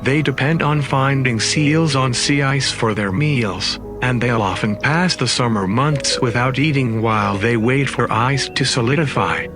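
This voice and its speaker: A man's voice: mid-range voice, measured pace, few pauses. A man reading scripted narration in the manner of a nature documentary. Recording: music under the voice. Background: background music.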